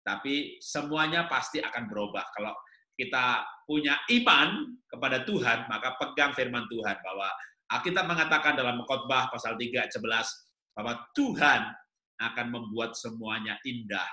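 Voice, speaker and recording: Bright, animated guy giving marriage advice, voice jumps way up, echoey room. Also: normal speed. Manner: animated, climbs high in pitch when making a point. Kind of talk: answering questions on a talk show.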